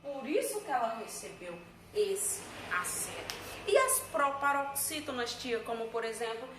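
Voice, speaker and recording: A woman's voice: a little high, lively intonation, a little slow. A woman teacher with a Brazilian Portuguese accent, explaining a review lesson step by step and answering her own questions. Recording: echoey room, faint ambient noise.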